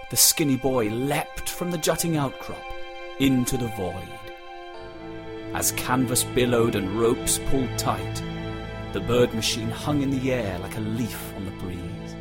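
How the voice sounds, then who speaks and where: A man reading a dramatic storybook prologue aloud in a slow, measured way. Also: medium pitch. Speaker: audiobook reader. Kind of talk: storybook narration.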